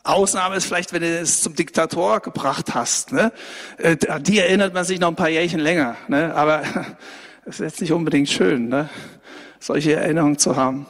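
A man preaching a lively, conversational sermon to a congregation, speaking to them directly and often checking in with them. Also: a little high, normal speed, in a large hall. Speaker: pastor. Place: church hall.

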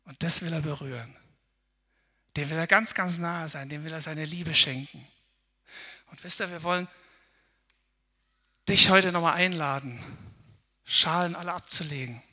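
A man's voice: a little high, normal speed, pauses often, sharp tone. A man preaching a sermon in a chatty, conversational way, often tagging his sentences with a questioning "ne" and acting out people's inner voices. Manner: conversational, frequent tag "ne?", acts out inner voices. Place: church service.

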